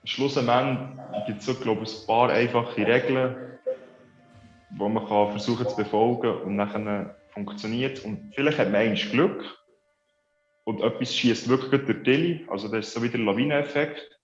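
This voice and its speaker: A man with a Swiss German accent, a guest in a casual interview, thinks aloud in a reflective, hesitant way. His mid-range voice moves at normal speed, and the recording is roomy and dull, lo-fi with faint music.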